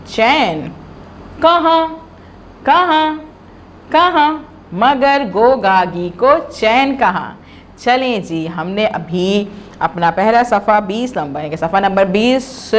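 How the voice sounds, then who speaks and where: A woman primary school teacher giving a recorded reading lesson to young children, saying each word slowly three times for them to repeat, in a clear, encouraging teacherly way. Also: mid-range voice, slight background noise.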